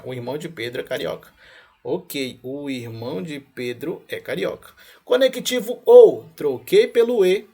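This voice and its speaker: Male math tutor, Paraense Brazilian accent, raspy and slightly high voice, energetic exam-prep style. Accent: Paraense Brazilian Portuguese. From Pará, Brazil. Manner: energetic, addresses viewers as galera, frequent tag questions like tá? and ó. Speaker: math teacher. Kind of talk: exam-prep lesson walkthrough.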